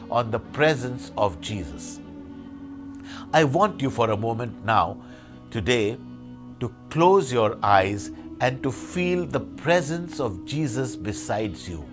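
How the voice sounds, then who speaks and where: A priest giving a sermon at a pulpit microphone, in a measured phrase-by-phrase delivery full of rhetorical questions and lists, slowing and softening into a hushed guided meditation. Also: male voice, medium pitch. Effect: speaking at a pulpit microphone.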